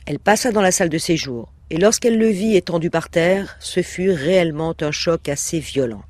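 A man reading a story aloud in a measured, expressive way. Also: on the high side, dry recording. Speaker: reader.

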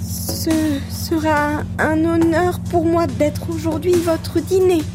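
A small brown lamb in a storybook tale stammers and quavers in a very high, thin voice, voiced by a woman narrator. He stays polite even when afraid, and his slow, careful words climb far above the reading voice around him. Soft music plays faintly underneath.

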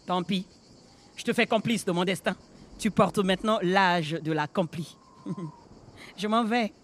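An actor playing the haunted, restless ghost of a murdered man in a radio drama, speaking solemnly and telling a story in an incantatory way. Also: high-pitched. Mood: wistful. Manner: slow, solemn, incantatory delivery.

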